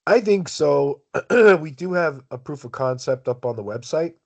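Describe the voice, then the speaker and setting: A man on a video call explaining things in an online work meeting, speaking in a measured, halting way as the project lead. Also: on the high side, expressive, creaky. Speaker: project maintainer leading a community meeting.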